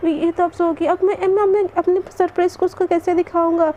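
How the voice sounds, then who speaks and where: Woman putting on a teasing tomboyish young lover, high and bright, whiny pleading. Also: level tone, fairly quick, slight background noise.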